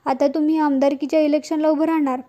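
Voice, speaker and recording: A woman voicing a boastful, pushy son-in-law in a serial recap, in her own high voice. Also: level tone, quick pace, mellow, lightly acted.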